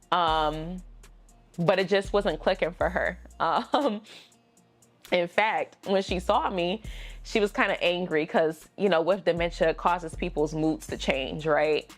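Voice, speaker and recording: A woman's voice: on the low side, unhurried, soft background music. A woman vlogger telling a personal story, candid and emotional, chatty with slang asides.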